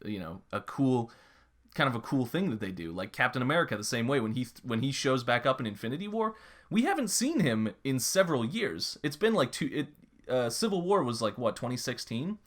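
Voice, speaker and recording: A man's voice: medium pitch, very animated, brisk, fairly bright tone. Rambling young man chatting on a podcast. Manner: rambling, lots of restarts and filler. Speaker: podcast co-host. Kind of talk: casual chat.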